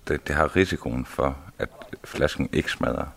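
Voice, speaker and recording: A man chatting casually in a halting, mumbling way. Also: extremely low pitch, creaky, fairly bright tone. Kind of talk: casual chat.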